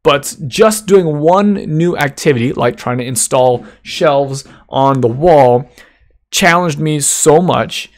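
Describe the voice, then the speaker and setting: A man's voice: a little high, slow pace. A man hosting a casual live-stream Q&A from a room at home, talking upbeat and straight to his viewers in the chat. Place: room at home with wall shelving.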